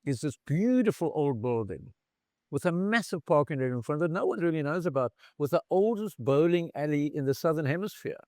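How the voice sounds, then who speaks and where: A middle-aged man from South Africa, a bar founder telling lively stories in a casual interview and acting out the voices in them. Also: on the high side, a little fast, no echo, clean studio sound. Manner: animated anecdotal storyteller, acts out dialogue. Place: bar in Cape Town.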